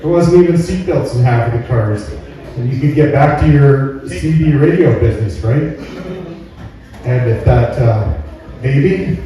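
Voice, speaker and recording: A middle-aged man from Alberta, Canada, performs a folksy, rambling stand-up routine at an indoor comedy venue, often checking in with the crowd. His mid-range voice is unhurried and dark-toned, recorded far from the mic in a very echoey room.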